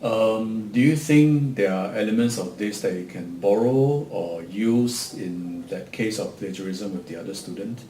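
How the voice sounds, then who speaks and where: Man, supervisor, measured guidance, low warm voice, echoey room with a faint rumble. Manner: measured, gives guidance, asks reflective questions. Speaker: clinical supervisor. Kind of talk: workplace supervision conversation.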